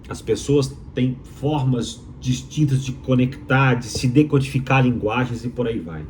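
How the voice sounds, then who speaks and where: With a measured pace and a mid-range voice, this doctoral student from Minas Gerais speaks Brazilian Portuguese in a Mineiro accent, a little hiss or hum audible. He argues his opinions to viewers in an emphatic, rhetorical explainer, coming back to his key phrases again and again.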